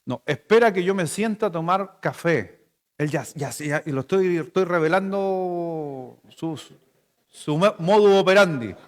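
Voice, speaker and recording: Chilean pastor preaching, high voice. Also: male voice, a little slow, in a large hall. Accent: Chilean Spanish. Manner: conversational, playful storytelling with the congregation. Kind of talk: sermon. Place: church hall.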